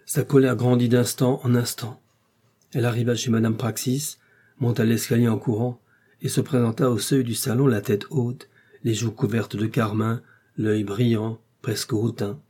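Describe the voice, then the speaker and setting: Male audiobook narrator, mellow and breathy, steady storytelling. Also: mid-range voice, normal speed. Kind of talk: scripted narration.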